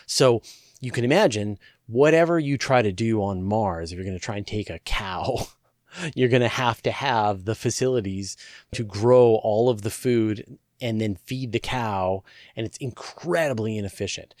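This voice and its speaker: A man with a lowish voice talks through listener questions in a loose, conversational way. He fills his sentences with "like" and "you know" and drops in playful asides. The sound is dry and close, with no room around it. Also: normal speed, darkish tone, dry recording. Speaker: host answering listener questions. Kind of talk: casual science Q&A talk.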